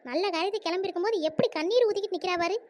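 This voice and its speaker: Squeaky, sarcastic village wife. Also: rapid-fire, slight background noise. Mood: grumbling. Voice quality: high squeaky cartoon voice. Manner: sarcastic, grumbling asides. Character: sharp-tongued scheming village wife muttering asides. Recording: dull lo-fi audio.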